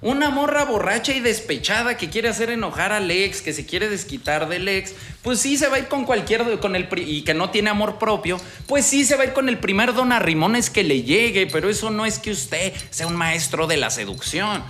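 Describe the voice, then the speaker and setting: Un hombre joven con acento mexicano cuenta una historia de ligue en tono casual y lleno de jerga, hablándole al oyente como a un compa. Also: male voice, high-pitched, lively intonation, normal speed, hardly any pauses, bright, forceful tone, a little hiss or hum. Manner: slangy, streetwise, addresses listener as buddy. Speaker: dating advice host. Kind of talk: casual storytelling monologue.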